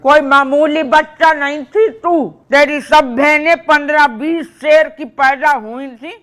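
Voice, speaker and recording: A woman's voice: sits high, fairly even intonation, a little slow, a bit bright. An older woman with an old plays a scolding mother in a comedy drama, tossing out proverbs as she talks. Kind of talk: scripted comedy drama dialogue.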